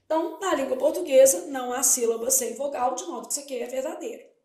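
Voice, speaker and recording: In an echoey room, a woman from Brazil runs through a Portuguese exam lesson at a quick pace, her high voice mellow. Her explanations take the form of questions she answers on her own.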